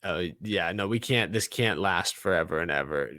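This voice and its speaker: A man co-hosting a podcast, chatting casually about motorsport in a lively way. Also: deep voice, normal speed, dry recording, studio quality. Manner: lively, mimics announcers in exaggerated voices. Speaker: podcast co-host.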